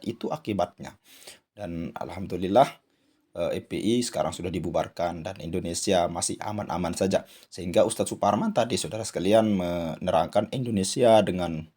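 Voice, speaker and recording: A channel host delivers a commentary monologue in a hoarse, low, darkish male voice. He addresses viewers as "saudara sekalian" and fills his speech with frequent "eh"s.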